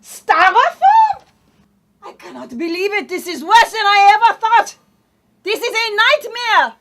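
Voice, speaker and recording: A woman's voice: high-pitched, lively intonation, takes it slowly, heavily acted. A woman playing a haughty, disdainful French businesswoman with a French accent, speaking in theatrical, scornful exclamations in a comedy sketch. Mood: appalled.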